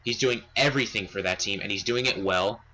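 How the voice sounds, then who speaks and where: A man's voice: fairly low pitch, a little fast, pushed and bright, rough recording. A young man co-hosting a sports podcast, ranting emphatically about player stats in casual chat. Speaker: podcast co-host.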